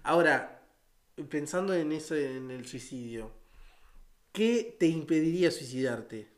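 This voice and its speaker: A man with a Uruguayan Spanish accent in a casual, darkly joking conversation, wry and deadpan. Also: a little high, a little slow. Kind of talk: casual dark-humored chat.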